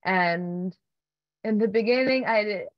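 Medium-pitched and slow-paced, with no echo, a woman answers questions in a conversational Q&A on a muffled laptop webcam video call. She's a filmmaker and keynote guest speaking from a home room with wooden beams, and she sounds hesitant, with frequent fillers, restarts and soft laughs.

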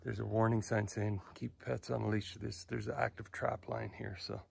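Holding a phone at arm's length, a family travel vlogger in his forties rambles to camera on a forest road and in the woods, restarting often and sounding frustrated. His voice is lowish and fairly flat, creaky with a breathy edge, at a normal speed. The noisy outdoor recording has no room sound.

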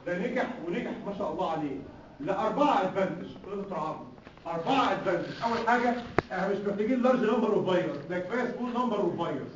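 A man with an Egyptian Arabic accent delivers a rapid-fire medical lecture in a fairly high voice, breaking in with rhetorical questions and joking asides. The recording is distant and dull, with a strong hall echo and faint room ambience. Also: lively intonation, a little hiss or hum.

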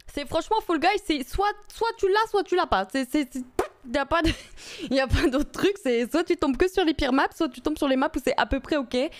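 A woman's voice: sits high, a little fast. A woman streaming live, chatting casually with her viewers in a rambling way, full of fillers and restarts.

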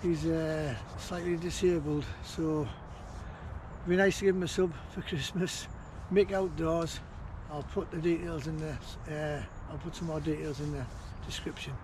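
An angling vlogger from northern England chats casually on an outdoor riverbank during a fishing trip, rambling with fillers. His voice is a little high, steady in tone and measured in pace. It's recorded on an action camera against a noisy background.

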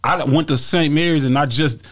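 Here the Texas-accented guest, a rapper in his thirties, sounds brisk and somewhat high-pitched as he casually spins stories for an interview. Repeated phrases, fillers and "you feel me" run through his laid-back talk, and he gestures while using a stand mic and headphones in a small indoor studio.

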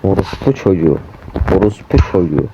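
A man cursing nonstop as he plays a horror game, yelling in panic when chased. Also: low voice, very animated, a little fast, highs cut off. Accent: Turkish. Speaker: gamer. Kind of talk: horror game let's play commentary. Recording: noisy home mic recording.

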